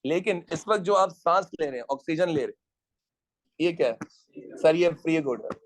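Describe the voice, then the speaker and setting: A man's voice: on the high side, expressive, moderate pace. A man teaching an economics class, lecturing and quizzing students and teasing latecomers.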